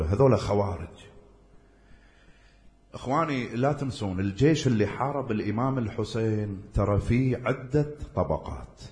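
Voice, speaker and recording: A man preaching a religious sermon, emphatic and declaiming loudly at his peaks. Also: on the low side. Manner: emphatic, rising to loud declamation when quoting.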